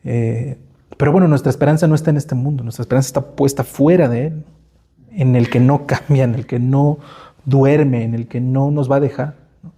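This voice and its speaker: A man's voice: mid-range voice, steady tone, normal speed, dark tone, husky. A middle-aged man with a Mexican Spanish accent preaching a sermon in a conversational way, with frequent asides and tag questions, acting out quoted dialogue in a playful voice. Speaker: pastor.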